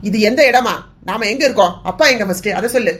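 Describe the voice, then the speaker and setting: A woman's voice: a little high, fast talker, a little hiss or hum, lightly acted. A woman voicing a hot-tempered young man in a cartoon serial, who speaks in a bitter, accusing way while grieving his father.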